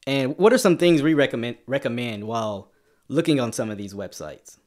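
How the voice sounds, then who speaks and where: A man's voice: medium pitch, animated, fairly quick. A man hosting a casual livestream, guiding the talk and prompting his guest with questions. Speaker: channel host.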